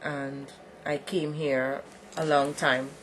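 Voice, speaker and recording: Woman, low-pitched and halting. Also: little pitch movement, a bit bright, slight background noise, rough recording. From Trinidad. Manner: plain and halting, trails off mid-sentence. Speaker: guest author. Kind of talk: casual interview.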